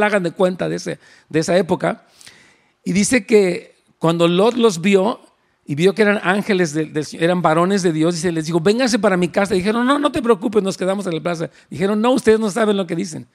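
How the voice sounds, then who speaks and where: Man, preacher, high-pitched, chatty storytelling sermon. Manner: conversational storytelling, addresses listeners as brothers. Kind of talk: sermon, Bible teaching.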